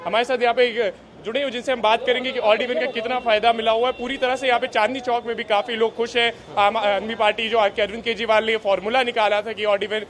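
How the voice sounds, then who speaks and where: Male field reporter, very high voice, rapid hurried delivery. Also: flat delivery, over music. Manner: hurried, repetitive phrasing. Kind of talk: live street report. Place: busy market street outdoors.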